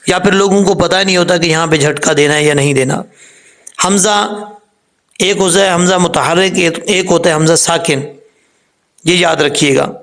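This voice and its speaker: A Quran recitation teacher gives a step-by-step tajweed lesson in a high, slightly bright male voice with a gravelly edge. He is patient and methodical, repeating common mistakes and their corrections and slowly spelling out letters and vowel marks.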